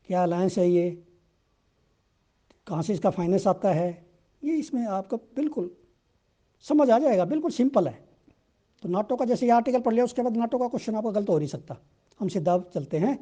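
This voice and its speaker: A man with an Indian accent, teaching exam questions in a conversational way and reading statements aloud slowly. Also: high voice, dark tone. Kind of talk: explaining current-affairs exam questions.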